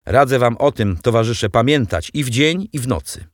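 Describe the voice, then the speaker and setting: A man's voice: mid-range voice, lively intonation, normal speed, dry recording, clean studio sound, pitched above the performer's own voice, close to an everyday voice. A man reading as a sly, mocking revolutionary leader. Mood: ironic, mild. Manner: mild, ironic and condescending. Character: shrewd, mocking male revolutionary leader, middle-aged.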